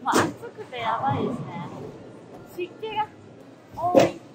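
A young woman talks through her bowling practice, frankly criticizing her own throws. Her voice sits fairly high and moves up and down a lot. She is recorded by a camera set on the floor of a big indoor alley, with rolling balls and crashing pins loud behind her. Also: big pitch swings, normal speed, very noisy. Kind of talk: casual self-commentary. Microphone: camera on the floor behind the lane. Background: rolling balls and pin crashes.

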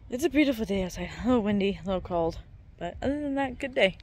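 A woman's voice: mid-range voice, expressive, fast talker, rough recording. Rambling young woman's phone vlog. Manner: rambling, many ums, chatty daily recap. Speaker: vlogger giving a day update. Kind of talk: casual chat. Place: home, lying on a couch and in a small room indoors. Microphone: phone held at arm's length.

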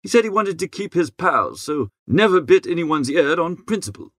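A man performs a breezy young gentleman of leisure recounting his own storybook adventure, his fairly high voice swooping with great liveliness as he chatters in jaunty, old-fashioned slang. It's scripted first-person audiobook narration, chatty in mood, delivered at a moderate pace in an exaggerated voice. The recording is close and dry.

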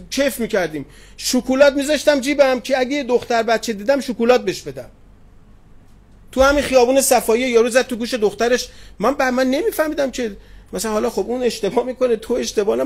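A middle-aged man preaching as a cleric, retelling anecdotes with quoted dialogue and tenderly addressing his listeners. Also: very high voice. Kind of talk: sermon with storytelling. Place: religious gathering hall.

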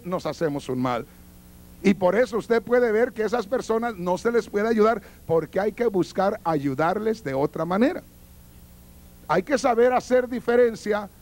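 A male pastor preaching with a notably high voice, earnest and instructive. He speaks straight to his congregation in a teaching sermon and sometimes acts out the voices he quotes.

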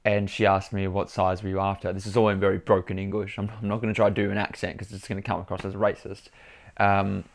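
A young man telling a story to camera in a casual, animated vlog, often restarting and repeating words. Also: deep voice, quick pace, creaky. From Australia. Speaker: vlogger.

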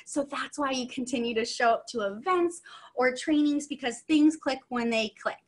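A woman's voice: sits high, moderate pace. A young adult woman giving a chatty, upbeat online training session, full of asides, over a video call. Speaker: sales trainer.

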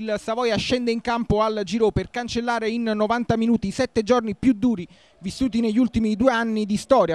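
A man giving live football commentary, breathless and excited, with shouted, drawn-out goal calls. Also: high-pitched, no echo.

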